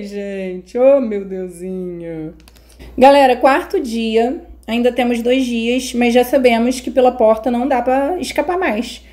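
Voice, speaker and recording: A woman's voice: mid-range voice, darkish tone. A Brazilian woman hosting a gaming channel, giving chatty let's-play commentary straight to her viewers with frightened exclamations.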